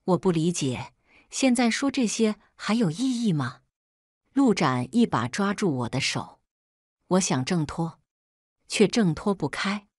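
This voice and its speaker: Calm woman narrating a story. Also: fairly low pitch, a little slow, dry recording, studio quality. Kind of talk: first-person scripted story narration.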